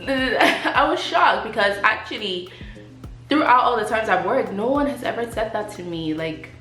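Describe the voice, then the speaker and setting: A woman from Africa who works as a nurse, telling stories from her job in a casual, expressive way. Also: on the high side, unhurried. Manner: conversational, expressive, frequent "like" fillers. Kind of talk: casual storytelling vlog. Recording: roomy sound with faint music behind.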